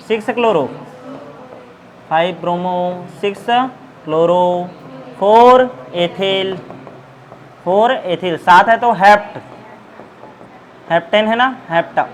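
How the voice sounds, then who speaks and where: A man with a high voice teaches chemistry to a classroom of students. He keeps asking the class questions and repeats each answer back to them. A faint hum of the room sits behind his voice. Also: poor audio. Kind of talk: classroom lecture.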